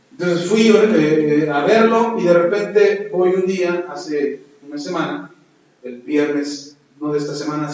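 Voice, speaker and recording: A pastor with a slightly high, darkish voice tells a testimony during a sermon, acting out the dialogue as he goes. The recording is very echoey, distant, and dull-sounding.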